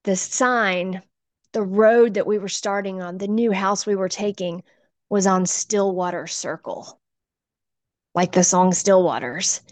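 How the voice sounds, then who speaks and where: A woman's voice: medium pitch, a little slow, dry recording. A middle-aged woman, a church volunteer sharing an earnest, emotional personal testimony. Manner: earnest, emotional, gets choked up.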